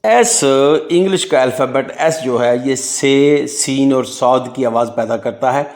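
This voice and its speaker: A man's voice: medium pitch, darkish tone. A man giving a phonics lesson, spelling words out letter by letter. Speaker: English teacher.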